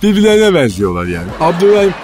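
A man's voice: sits high, huge pitch swings, fast, darkish tone, faint music behind. A man playing a boastful, hot-tempered football club president in a radio comedy sketch, rambling and ranting.

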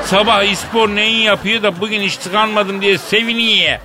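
A man's voice: sits high, steady tone, normal speed, background noise, pitched above the performer's own voice, lightly acted. A man voicing a polite young Brutus who speaks with a Tokat dialect and a pleading drawl. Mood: pleading, gossipy. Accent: Tokat dialect of Turkish.

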